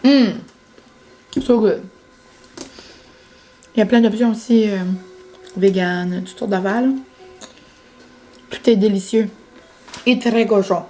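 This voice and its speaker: A woman's voice: medium pitch, slow, long pauses, dark tone, slight background noise. A young woman chatting casually to her vlog audience, with many fillers and English words. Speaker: vlogger. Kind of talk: casual vlog chat to camera.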